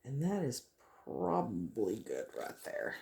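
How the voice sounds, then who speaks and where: Mellow, unhurried woman musing aloud. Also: extremely low pitch, huge pitch swings, vocal fry. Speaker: craft vlogger hosting a resin tutorial. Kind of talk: casual chat while working.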